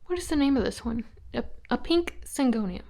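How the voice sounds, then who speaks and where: In an animated, slightly fast, mellow voice on the high side, a plant vlogger shows off the houseplants in her small old house. She's chatty and breathless, naming each plant as she goes and at times lowering to a whisper.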